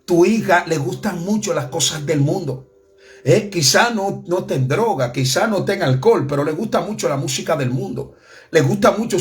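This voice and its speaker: A man preaching a sermon with passion, swinging between soft, low passages and loud, climbing ones. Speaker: pastor. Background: faint music.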